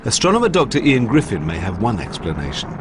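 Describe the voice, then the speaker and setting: A man's voice: on the low side, wildly swooping pitch, quick pace, background noise. A man giving scripted documentary narration.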